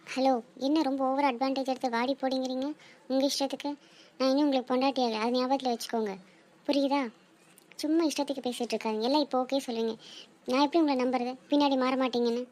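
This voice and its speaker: A woman's voice: high-pitched, steady tone, fast, a little mellow, natural voice. A young woman acting an exasperated, stubborn bride-to-be who argues back in an audio drama. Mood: indignant. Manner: exasperated, argumentative.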